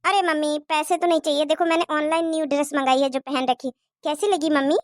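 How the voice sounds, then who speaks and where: A woman's voice: high-pitched, flat delivery, quick pace, no room sound, studio quality, close to an everyday voice. Woman doing a smug, mocking young sister-in-law. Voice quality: mocking, sneering.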